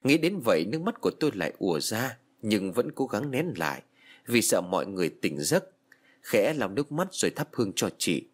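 A man's voice: lowish voice, sing-song, a little fast. A man telling a first-person ghost story as narration, reading with emotion and heart. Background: faint music.

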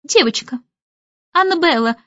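A woman's voice: high voice, lively intonation, a little fast, no room sound, pitched above the performer's own voice. A woman voicing a prim, stern nanny who talks curtly and scolds sharply. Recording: dull lo-fi audiobook, faint music.

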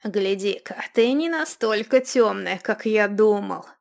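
A woman's voice: mid-range voice, expressive, measured pace, gravelly. A commanding nobleman, voiced by a woman reading a story, cold and ironic. He gives curt orders with a dry edge. A storybook aristocrat.

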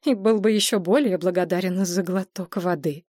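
Woman voicing a male historian, hoarse, apologetic, babbling, storybook reading. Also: lowish voice, normal speed, darkish tone, no echo, studio quality, close to an everyday voice. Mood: flustered. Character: hoarse shaken middle-aged male historian, fawning.

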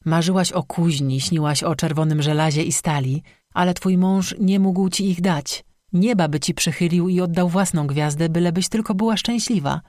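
A woman's voice: on the low side, normal speed, hardly any pauses, dry recording, studio quality, lightly acted. A narrator voicing a stern old woman shaman. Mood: stern, sad. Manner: calm, grave, motherly admonishing. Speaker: shaman, stone speaker. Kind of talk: audiobook dialogue.

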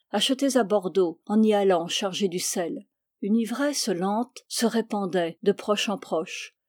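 A woman narrates a classic tale as an audiobook reader. Her reading is measured and expressive, and her voice is warm and mellow. The recording is close and dry. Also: medium pitch, no room sound.

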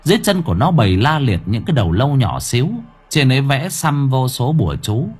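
A man narrating a horror story in a dramatic, expressive way. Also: medium pitch, a little fast, breathy edge. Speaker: audiobook narrator.

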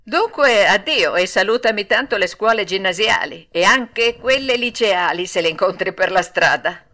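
A woman voicing a cocky, restless schoolboy friend who speaks briskly and emphatically in an audiobook. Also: mid-range voice, expressive, sharp tone. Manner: brisk, emphatic and sure of himself.

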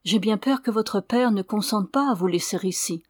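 A woman's voice: mid-range voice, moderate pace, a little mellow, dry recording, clean studio sound, close to an everyday voice. A woman reading the lines of a tender, sincere young orphan girl in an audiobook.

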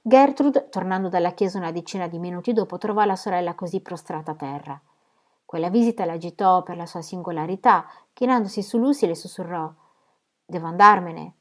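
A woman reading a novel aloud in a measured, expressive audiobook style. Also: fairly low pitch. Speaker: reader.

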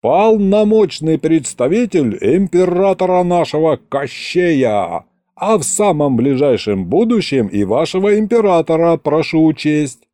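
A brash young man full of cheek and slang, voiced by a male audiobook reader. The voice is pushed high and loud with wide swings. It sits on a dark, dry tone. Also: sing-song, a little slow, dry recording. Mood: cheeky, brash.

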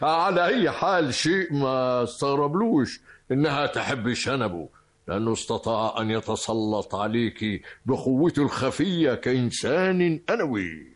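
An actor playing a sly, pompous psychology professor in an old Egyptian radio drama, with an Egyptian accent and a mock-polite, sneering manner. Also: male voice, medium pitch, animated, moderate pace, lightly acted. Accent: Egyptian Arabic. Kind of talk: vintage radio drama acting.

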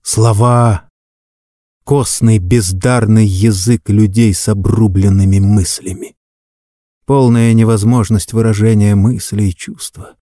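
A man narrating a story in a measured, dramatic reading. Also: lowish voice, fairly even intonation, mellow, no echo, clean studio sound. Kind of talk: audiobook narration.

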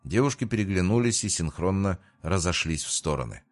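A man narrates a fantasy audiobook. His voice sits very low, and his reading is measured and even. It is steady scripted storytelling.

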